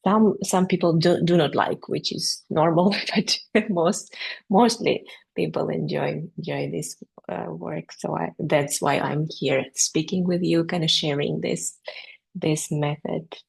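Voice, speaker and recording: Husky low-voiced Finnish woman presenting. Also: steady tone, measured pace, poor audio. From Finland. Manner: hesitant, many fillers and restarts. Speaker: psychotherapist presenting at a conference. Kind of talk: conference presentation.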